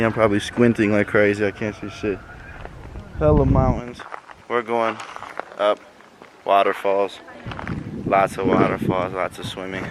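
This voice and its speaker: Hyped, breathless male vlogger chatting on a hike, street noise behind. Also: fairly low pitch. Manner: hyped slangy banter, laughing often. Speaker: vlogger host. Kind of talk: casual vlog chat. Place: outdoors on a mountain.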